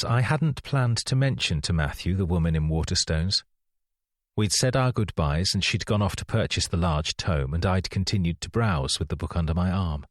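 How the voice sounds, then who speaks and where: A man reading a mystery audiobook in a wry, measured storytelling manner. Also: low voice, no room sound, studio quality. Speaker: audiobook narrator. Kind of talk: scripted audiobook narration.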